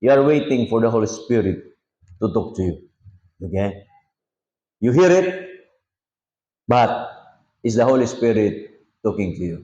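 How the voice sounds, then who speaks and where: A Filipino man in his fifties, a pastor giving a conversational sermon at a prayer meeting, dropping to soft asides and then rising for emphasis. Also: fairly low pitch, lively intonation, a little slow, pauses often, lo-fi sound.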